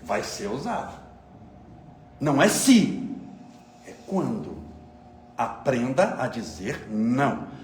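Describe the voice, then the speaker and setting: A man from São giving a spiritist lecture, telling everyday stories and asking his audience rhetorical questions in a conversational, lively way. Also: medium pitch, slow, long pauses. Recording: echoey room, faint ambient noise.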